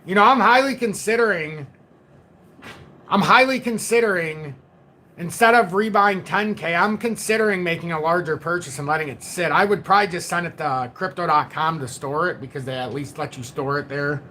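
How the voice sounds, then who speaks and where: Over a faint hum of background noise, a man in his forties hosts a casual crypto chart-analysis livestream. His voice is sharp and fairly high for a man, at a normal speed, and he keeps circling back on his phrases while reading and replying to viewer comments.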